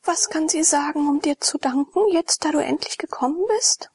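A woman's voice: mid-range voice, animated, normal speed, husky, no echo. A woman voicing an eager, devout young sister, half-whispered in a raised voice as part of an audiobook reading.

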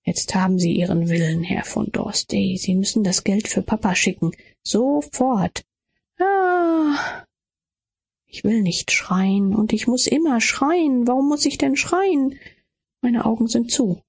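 A woman's voice: mid-range voice, unhurried, vocal fry, a little mellow, breathy edge. A woman reading an audiobook as an intense first-person inner monologue, with whispered asides. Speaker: audiobook reader.

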